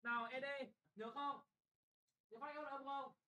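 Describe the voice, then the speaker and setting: Young man, classroom exam tutor; brisk, blunt, keeps checking if students follow. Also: extremely high pitch, steady tone, muffled recording. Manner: brisk and bossy, often checking "got it?". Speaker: English tutor.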